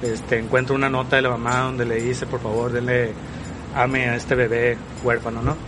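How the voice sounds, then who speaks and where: A man's voice: medium pitch, little pitch movement, normal speed. A man with a Mexican accent explaining things informally and meanderingly as a podcast panelist. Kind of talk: casual film synopsis in conversation. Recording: noisy outdoor city ambience.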